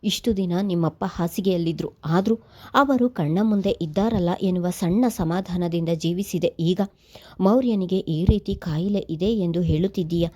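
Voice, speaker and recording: A woman's voice: lowish voice, normal speed, warm tone, natural voice. Woman voicing a grieving, tearful mother. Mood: pleading. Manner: tearful, pleading. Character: grieving middle-aged mother of two grown sons. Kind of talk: storybook reading.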